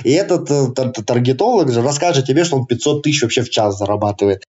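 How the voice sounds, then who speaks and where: A man's voice: medium pitch, expressive, fast, lo-fi sound, faint music behind. A man with a slight lisp and slushy sibilants chats casually in an interview, using slangy, joking, colloquial phrasing. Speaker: targeted-ads specialist, interview guest.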